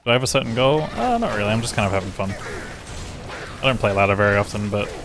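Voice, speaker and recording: A man's voice: lowish voice, fast talker. A man streaming a game, chatting casually with viewers in a tired, laid-back way. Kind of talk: casual live-stream chat. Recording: steady background noise.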